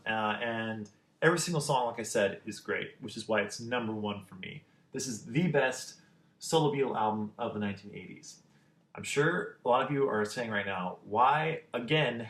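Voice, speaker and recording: A man's voice: lowish voice, fairly bright tone. A man talking casually and enthusiastically about his favorite albums, rambling with lots of ums and restarts, in a room with a computer. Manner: enthusiastic, rambling with many fillers. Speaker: music vlogger. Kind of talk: casual album ranking talk. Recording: roomy echo.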